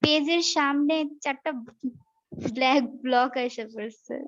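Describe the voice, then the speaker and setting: A woman's voice: sits high, unhurried, fairly bright tone. A young woman, a student, politely telling her teacher about a problem with her screen. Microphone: remote video call. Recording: dull, distant video call audio.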